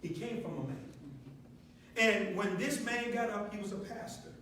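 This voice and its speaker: A man delivers a preacher-style sales talk to a live audience in a meeting room, emphatic and asking the crowd questions in call and response. His tone is fairly bright at a moderate pace, heard from far off in an echoey, noisy space.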